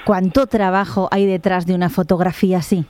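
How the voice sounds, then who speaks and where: A woman hosting a radio interview, with smooth scripted introductions and friendly questions. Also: fairly low pitch, fairly even intonation, a little fast, a little mellow, a little hiss or hum. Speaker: radio host.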